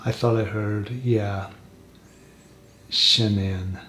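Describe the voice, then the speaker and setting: A soft-spoken man hosting a spirit box session, asking gentle questions slowly and leaving pauses for an answer. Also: lowish voice, steady tone, slight background noise. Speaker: paranormal investigator, host.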